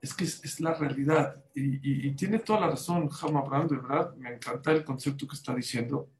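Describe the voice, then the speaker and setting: Rabbi telling stories. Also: male voice, medium pitch, a little hiss or hum, low-quality recording. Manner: lively anecdotal storyteller, quick asides. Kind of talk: storytelling talk on a panel.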